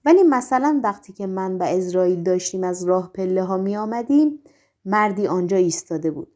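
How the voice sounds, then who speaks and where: A woman's voice: medium pitch, animated, warm tone, natural voice. A woman voicing a curious, bold young woman in a storybook reading, asking eager questions. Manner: inquisitive, wide-eyed.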